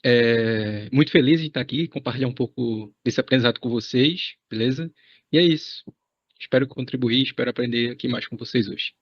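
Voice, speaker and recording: A man's voice: medium pitch, brisk, no echo. A young man from Pernambuco introducing himself as a student squad leader in a video call, hesitant with many fillers. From Pernambuco, Brazil. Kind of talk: self-introduction in online meeting. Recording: dry muffled call audio.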